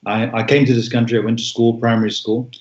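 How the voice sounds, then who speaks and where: A man's voice: mid-range voice, flat delivery, quick pace, darkish tone. Reflective man in an echoey room. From Bangladesh. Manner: reflective, frequent ums and restarts. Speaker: guest. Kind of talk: interview conversation. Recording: echoey room, dull sound.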